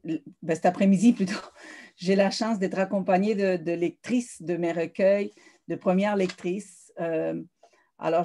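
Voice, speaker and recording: Flat, mellow-voiced woman reading poetry. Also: on the low side. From South America. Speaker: poet.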